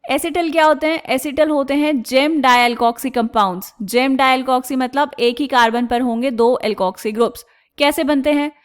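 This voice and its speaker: Lady teacher walking thru chemistry structures, high voice, keeps asking then answering herself. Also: clear, resonant tone. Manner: asks the class questions and answers them herself, calls students "beta"; slows down and stretches out technical terms. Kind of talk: explaining step by step on a board.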